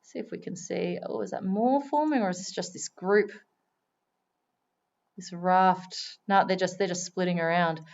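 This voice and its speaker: A woman giving chatty live commentary on a wildlife stream, now and then breaking into excited exclamations. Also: lowish voice, normal speed, vocal fry, lo-fi sound.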